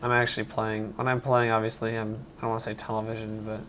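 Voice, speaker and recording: A man's voice: lowish voice, completely flat delivery, fast talker, a bit bright, a little hiss or hum. A man casually commentating his own strategy game match, rambling and often correcting himself. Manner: rambling, self-correcting, chatty.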